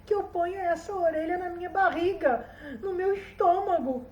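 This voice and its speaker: A woman's voice: very high-pitched, moderate pace, muffled recording, pitched above the performer's own voice. A woman voicing a hungry, put-upon young boy with a plaintive manner. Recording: roomy echo.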